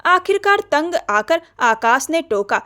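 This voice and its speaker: A woman reads a romance novel aloud in a high voice. Her delivery is lively and expressive, rising and falling as she tells the story. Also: a little slow. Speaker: narrator. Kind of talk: audiobook narration of a romance novel.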